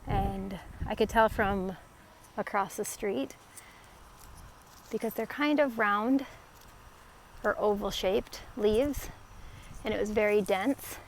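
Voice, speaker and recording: A woman talking casually as she walks outside, explaining things in short, halting, conversational phrases. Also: medium pitch. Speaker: host of an outdoor tree identification vlog. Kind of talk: casual talk to camera while out walking. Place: outdoors along a residential street on a walk. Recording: faint outdoor background noise.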